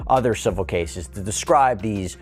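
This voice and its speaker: A man's voice: on the low side, moderate pace, soft background music. A man giving legal news commentary, part read and part in his own words. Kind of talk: news commentary with scripted quotes.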